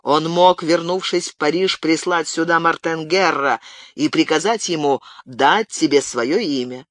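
A man voicing a stern, proud townsman in an audiobook, speaking in a clipped, forceful way. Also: on the high side, unhurried, no room sound, studio quality. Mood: bitter. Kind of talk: audiobook character voice.

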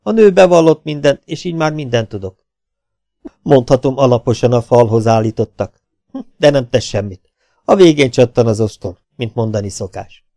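A man's voice: medium pitch, animated, warm tone, dry recording, clean studio sound, lightly acted. A man voicing a sly male villain baron who taunts his captives in a smug, raised voice. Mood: smug taunting.

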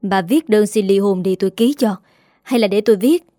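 A woman's voice: mid-range voice, normal speed, mellow, dry recording, natural voice. Stern storybook father, older, curt and scolding, read by a woman, dry sound. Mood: cold.

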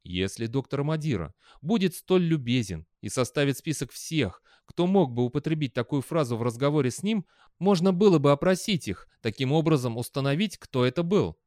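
A careful, persistent detective, as a male audiobook reader puts him on. He presses his point in a measured, polite tone, recorded dry and close. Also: medium pitch, expressive, warm tone, no room sound, voice pushed up, close to an everyday voice. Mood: insistent.

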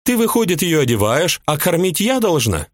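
A man voicing an angry, jealous young widow who shrieks and scolds, raising his voice high for her in an audiobook. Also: big pitch swings, moderate pace, no room sound, clean studio sound. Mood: furious. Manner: shrieking, scolding, tearful reproach. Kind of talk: audiobook character voice.

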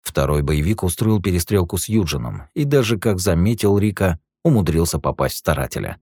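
A man narrating an action audiobook in a steady storytelling manner. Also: low-pitched, fairly quick, breathy edge, no room sound, clean studio sound.

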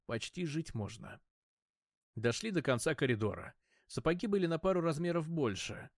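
A man narrates an audiobook in a wry, chatty manner and sometimes catches and corrects a word. His voice sits at an ordinary middle pitch. The recording is close and dry, with no room sound. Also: dry recording. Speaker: audiobook reader.

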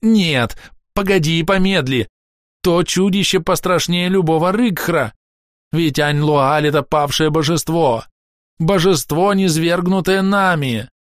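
High, loud, drawn-out elf sorcerer, frantic and grandiose, man performing. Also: dry recording, studio quality, natural voice. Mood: desperate boasting. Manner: shrill, declamatory wailing. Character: frantic pompous male elf sorcerer, pleading.

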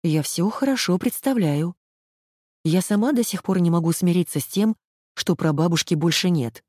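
A woman voicing a gentle timid young woman. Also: on the low side, moderate pace, no echo, clean studio sound, natural voice. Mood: placating. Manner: soft, placating.

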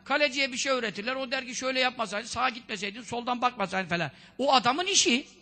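A preacher with a strikingly high, ringing voice delivers a conversational sermon. He scolds his listeners with one rhetorical question after another and drops in Arabic sayings as he goes. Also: quick pace, bright, forceful tone. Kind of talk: religious sermon talk.

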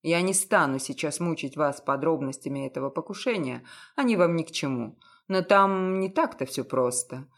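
A cynical, self-assured male private detective, put on by a woman reading an audiobook. He speaks low and unhurried with a mocking, condescending calm. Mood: mocking lecture.

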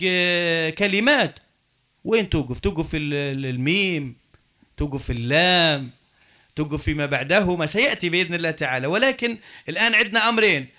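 A man's voice: sits high, bright, forceful tone. A man teaching a class with an Algerian Arabic accent. He mixes dialect with classical Arabic and keeps asking his students questions as he explains. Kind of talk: classroom lecture.

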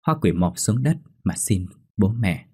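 A man narrating a scripted ghost story in a steady, somber way. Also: lowish voice, a little slow, breathy edge. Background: faint music.

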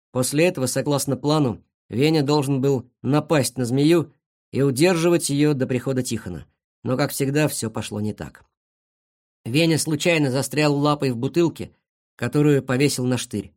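Expressive storybook narrator, mid-pitched and even. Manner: expressive reading. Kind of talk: audiobook storytelling.

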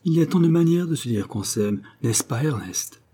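A man's voice: medium pitch, expressive, normal speed, warm tone, husky, pitched above the performer's own voice. A man reading a storybook, voicing a passionate, headstrong young woman in love, pleading and exclamatory. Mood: indignant.

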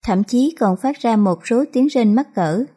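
Give me a woman narrating a storybook in a measured, warm voice. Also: fairly high pitch, animated, breathy edge.

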